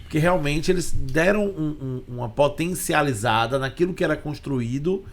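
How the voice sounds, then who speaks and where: Enthusiastic podcast host, slightly high voice. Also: male voice, moderate pace. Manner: enthusiastic, jokey. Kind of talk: casual interview hosting.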